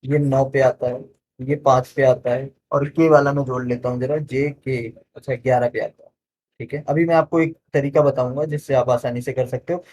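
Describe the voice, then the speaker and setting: A man teaching exam reasoning questions in a chatty way, calling viewers friends, checking they follow and slowing down to read out each statement. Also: mid-range voice, fairly even intonation, a little mellow, slight background noise. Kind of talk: explaining solved exam questions.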